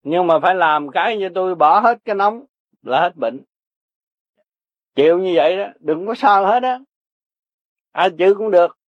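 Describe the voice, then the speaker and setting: A man's voice: high voice, expressive, normal speed, pauses often, no room sound. An older man with a Southern Vietnamese accent, giving blunt, repetitive, earthy Buddhist teaching to listeners. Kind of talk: folksy spiritual teaching to listeners. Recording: dry, dull lo-fi recording.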